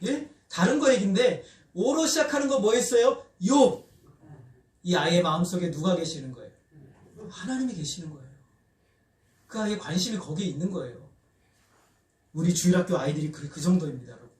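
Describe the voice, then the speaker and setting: High-voiced preaching man in echoey hall. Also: fairly quick. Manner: animated preaching that poses questions to the congregation and leads call-and-response. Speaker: pastor. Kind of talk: sermon. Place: church sanctuary. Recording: roomy church hall, voice from a distance.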